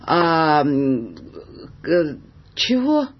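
A woman's voice: sits low, sing-song, very slow, noisy background. A woman hosting a live radio talk show who teases her guests in a playful way. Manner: teasing, playful. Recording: dull lo-fi radio broadcast.

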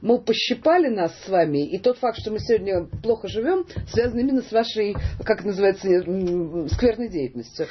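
Quick, teasing radio host woman. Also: mid-range voice, expressive, breathy edge. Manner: teasing, playful. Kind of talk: live radio talk show. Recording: dull lo-fi radio broadcast.

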